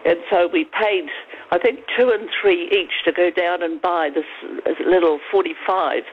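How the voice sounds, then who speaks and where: An older woman with a New Zealand accent, calling a radio show over a landline phone, a little croaky after the flu, chatting and reminiscing. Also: on the low side, normal speed. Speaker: radio caller. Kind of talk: casual phone-in chat. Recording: tinny landline phone audio.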